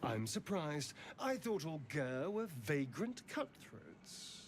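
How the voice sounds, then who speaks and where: A man's voice: on the high side, very animated, takes it slowly, background noise, full character voice. An actor playing a wary old male monster hunter in a video game, speaking with suspicion toward strangers. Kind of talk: video game character dialogue.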